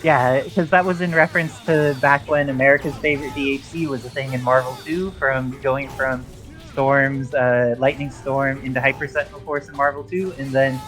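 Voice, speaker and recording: A male esports commentator handles the play-by-play for a fighting game tournament. He talks in a steady, mid-pitched voice and explains each move and its history in detail. Faint music plays behind him. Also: normal speed, poor audio. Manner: analytical, explains game mechanics at length.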